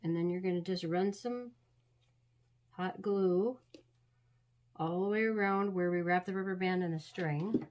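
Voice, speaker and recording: A woman with a fairly low, slightly mellow voice hosts a craft tutorial at an indoor crafting table, moving at a measured pace with long pauses. She's a little sniffly from being sick and talks through the steps in a chatty, homey, rambling way.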